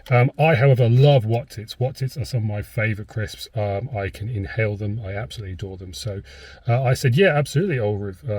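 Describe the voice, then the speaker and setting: A British man with a slightly husky voice gives a casual, rambling food review to camera, hesitating as he goes, recorded inside a car. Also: fairly low pitch, a little mellow, slight background noise.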